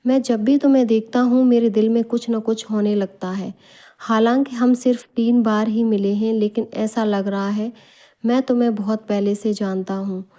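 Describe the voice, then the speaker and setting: A woman's voice: a little high, fairly even intonation, moderate pace, mellow, lo-fi sound, close to an everyday voice. A woman voicing an eager, shy young man who earnestly confesses his feelings in a storybook tale.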